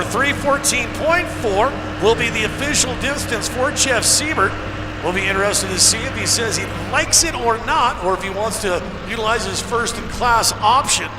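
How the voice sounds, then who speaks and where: A man with a very high-pitched voice announces a tractor pull live outdoors. His calls are excited and stretched out for emphasis. Clear engine and outdoor noise runs behind him. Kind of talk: live sled pull commentary. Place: outdoor motorsport event over engine noise.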